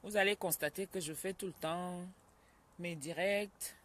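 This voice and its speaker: A woman chats with her viewers on a relaxed home live stream, calling out their names and stopping at times to soothe a child. She speaks a little slowly in a voice on the low side.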